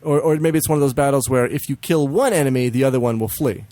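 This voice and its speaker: A man co-hosting a podcast in casual chat, swearing freely, laughing often and jumping into high silly voices to mimic games. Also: quick pace, warm tone, dry recording. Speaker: podcast co-host.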